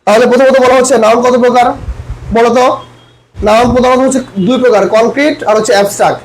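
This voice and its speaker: A very high-pitched man with a Bangladeshi Bengali accent races through an online grammar lesson from his room. He keeps firing questions at his students and repeating each point, and a faint background noise sits under his voice. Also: fairly even intonation, quick pace, poor audio. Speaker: admission coaching lecturer.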